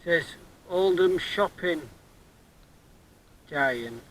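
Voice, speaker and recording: A man's voice: fairly high pitch, lively intonation, extremely slow, a bit bright, a little hiss or hum, poor audio. A man outdoors on a beach, chatting casually about his metal detecting finds in a musing, hesitant way, often repeating words.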